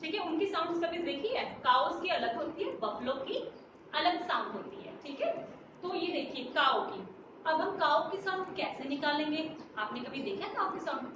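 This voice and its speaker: In a high-pitched, expressive voice at normal speed, a woman leads a children's lesson for a nursery class. She sing-songs her way through it, switching between Hindi and English and quizzing the children, captured in a roomy, distant, dull, noisy recording.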